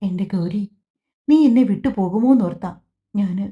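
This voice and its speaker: A woman's voice: medium pitch, normal speed, dull audio, lightly acted. Remorseful young husband, read by a woman. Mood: remorseful, tender. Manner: soft, apologetic. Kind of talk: audiobook dialogue.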